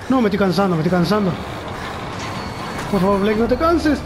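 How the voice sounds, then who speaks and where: A man's voice: sits high, expressive, brisk, noisy background. A man with a Rioplatense Spanish accent narrating a horror game, muttering nervously and frightened to himself. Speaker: gamer. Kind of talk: horror game let's play commentary.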